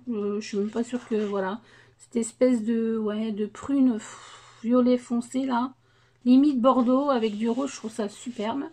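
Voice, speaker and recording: A woman's voice: fairly high pitch, mellow. A woman casually showing craft papers, hesitant and full of fillers, gushing over the patterns. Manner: hesitant, many fillers, enthusiastic about papers. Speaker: crafting vlogger. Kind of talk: casual unboxing chat.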